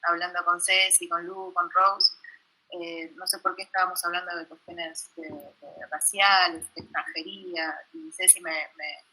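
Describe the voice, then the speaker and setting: A young woman with a Buenos Aires accent, a documentary filmmaker giving an informal, self-deprecating talk over a video call, halting with many restarts. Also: lowish voice, level tone, bright, forceful tone, poor audio. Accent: Buenos Aires Spanish. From Buenos Aires, Argentina. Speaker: documentary filmmaker presenting her work.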